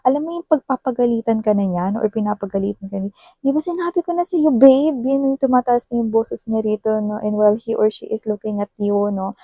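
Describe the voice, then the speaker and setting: Woman tarot reader, mellow and warm, dry close sound, chatty. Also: steady tone, a little fast, hardly any pauses, no echo. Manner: chatty, tags sentences with "no?"; acts out a partner's scolding in a higher voice. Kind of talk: casual tarot reading to viewers.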